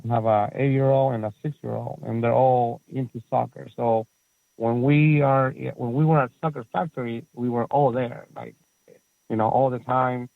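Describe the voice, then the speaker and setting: A man in his forties from Chile, who owns a soccer facility and coaches, chats as a guest in an informal interview, meandering with many fillers and restarts in a Chilean Spanish accent. His voice is mid-range and gravelly with a steady tone and moderate pace. The recording is dry and tinny, like a phone line.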